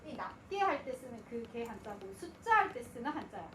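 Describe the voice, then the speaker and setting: Animated high-voiced woman teaching grammar. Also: fairly quick, background noise. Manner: asks and answers her own questions, voicing students. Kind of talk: lecture. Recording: echoey room, mic at a distance.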